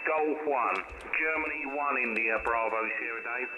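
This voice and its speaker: A man's voice: mid-range voice, normal speed. A man calling into a ham radio net, giving his call sign phonetically and cheerfully. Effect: received over shortwave radio. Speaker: caller. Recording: heavy radio static.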